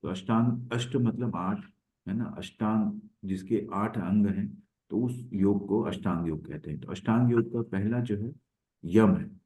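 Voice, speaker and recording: A man's voice: on the low side, a little slow, mellow. A man teaching an online scripture lesson, explaining patiently and often checking in with his listeners. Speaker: Bhagavad Gita course teacher. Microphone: online class audio. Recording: phone-like narrow sound.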